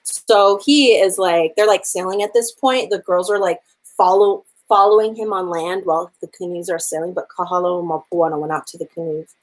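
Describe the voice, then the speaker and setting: A woman's voice: on the low side, fairly even intonation, normal speed, rough recording. Chatty woman telling a legend. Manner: chatty, with many fillers and "like". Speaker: hula teacher. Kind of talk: casual storytelling.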